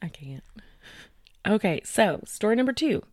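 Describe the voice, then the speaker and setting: With a medium-pitched voice that swings widely in pitch, a woman co-hosting a true-crime podcast walks through cases casually and chattily. She uses fillers and reads the details slowly, and the recording is dry.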